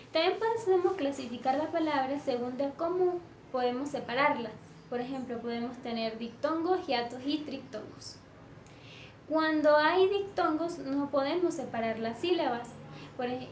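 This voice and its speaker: A woman teaching a lesson in a measured way, with fillers and self-corrections. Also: high voice. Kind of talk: explanatory lesson. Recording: echoey room with faint background noise.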